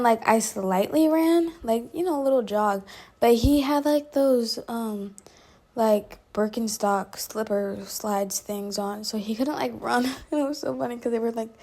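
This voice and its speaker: A young adult woman telling a story to her viewers in a casual, animated vlog, laughing often and filling her speech with "like". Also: on the high side, measured pace. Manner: animated, chatty, laughs often, heavy use of "like". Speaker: vlogger.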